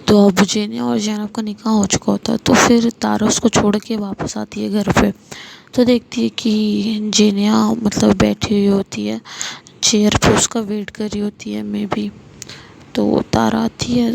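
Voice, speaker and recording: A woman's voice: medium pitch, gravelly, a little mellow, slight background noise, rough recording. A woman telling a story casually, with many filler words.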